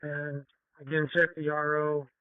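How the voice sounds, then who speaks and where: Higher-pitched man on narrowband police radio. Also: completely flat delivery, a little slow, clear, resonant tone, dry recording. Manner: terse.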